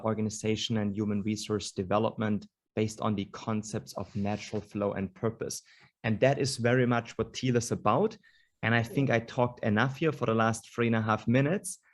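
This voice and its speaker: A man hosting an online panel over a video call, introducing speakers with many hesitations and fillers. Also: lowish voice. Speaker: host.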